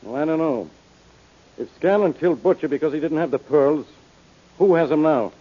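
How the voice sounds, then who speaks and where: An actor playing an exasperated, easily flustered police inspector in a 1940s radio drama, blustery and indignant, on a vintage recording. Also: male voice, a little high, moderate pace, highs cut off, close to an everyday voice. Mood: suspicious, flustered.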